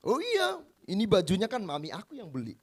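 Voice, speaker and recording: A man's voice: high voice, wildly swooping pitch, brisk, pitched above the performer's own voice, full character voice. A man voicing a proud little boy. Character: boastful little boy in a sailor suit.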